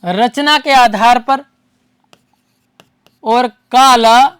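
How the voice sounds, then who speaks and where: A woman's voice: fairly high pitch, drawn-out words, a bit bright, clear, resonant tone, no room sound. A woman teaching an exam-prep grammar lesson. She asks the class questions, answers them herself, and repeats key terms for her students.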